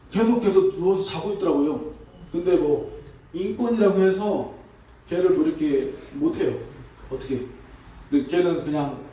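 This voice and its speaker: A man preaching as a pastor, asking his congregation questions in a relaxed, conversational sermon. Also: high voice. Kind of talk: interactive sermon. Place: church sanctuary. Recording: echoey hall, distant mic.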